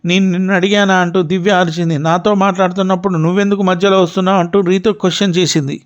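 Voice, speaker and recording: A man hosting his own channel, telling a reality-show recap in a steady storytelling way and retelling quarrels as reported speech. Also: high-pitched, racing, lo-fi sound. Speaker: YouTube channel host.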